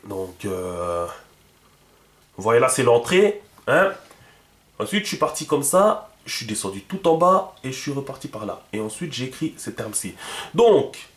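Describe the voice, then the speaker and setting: A man's voice: medium pitch, very animated, unhurried. Chatty man teaching in an echoey room. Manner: chatty, repeats himself, many fillers. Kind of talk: casual video lesson.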